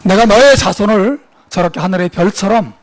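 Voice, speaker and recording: A man preaching, putting on a gentle, fatherly God who coaxes softly in a lowered voice. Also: moderate pace, close to an everyday voice. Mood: gentle coaxing. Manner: soft, coaxing, lowered voice.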